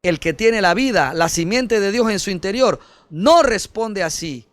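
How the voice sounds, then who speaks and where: A man preaching a sermon as pastor, earnest and emphatic, addressing listeners directly as brother and swinging between forceful peaks and soft, low passages. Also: lively intonation, a little slow, dry recording.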